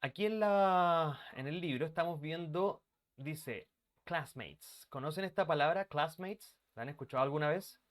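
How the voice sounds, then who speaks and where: A man's voice: fairly high pitch, moderate pace. A man teaching a live online English class from his bedroom, chatting casually and greeting students by name. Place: bedroom used as an office. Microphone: computer mic on a video call.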